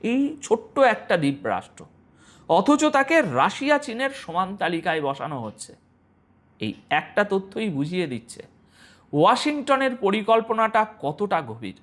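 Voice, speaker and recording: Animated male news commentator. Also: high-pitched, normal speed. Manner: animated, rhetorical questions to the audience. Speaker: news presenter. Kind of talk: news commentary addressing viewers.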